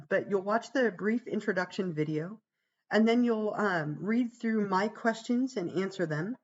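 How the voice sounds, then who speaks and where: Through a muffled recording, a woman psychology instructor with a sick, gravelly, lowered voice explains a course page during a laid-back livestream. She sounds chatty and comforting, dropping plenty of "um"s and "right?"s along the way.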